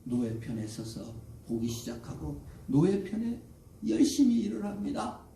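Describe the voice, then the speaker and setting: A man's voice: high voice, very animated, unhurried, vocal fry, warm tone, slight background noise. A male pastor preaching a sermon with dramatic swings, acting out the lines of the people in his story. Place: church sanctuary. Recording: roomy church echo, mic at a distance.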